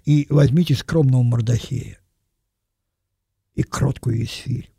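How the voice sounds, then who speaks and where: A man's voice: mid-range voice, a little slow, creaky, mellow, breathy edge, dry recording, studio quality. An older man giving a thoughtful, digressive sermon and dwelling on single words. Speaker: preacher. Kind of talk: reflective sermon.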